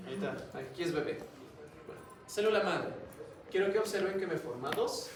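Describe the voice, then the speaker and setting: A man's voice: high-pitched, animated, moderate pace. A man giving a classroom lecture, chatty and always asking the students questions. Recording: echoey classroom, mic far off, noisy.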